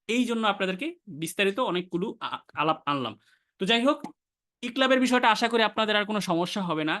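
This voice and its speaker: High-voiced man teaching Quran recitation. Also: sharp tone. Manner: explains step by step, asks and answers his own questions; chants the Arabic examples slowly. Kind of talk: online tajweed lesson.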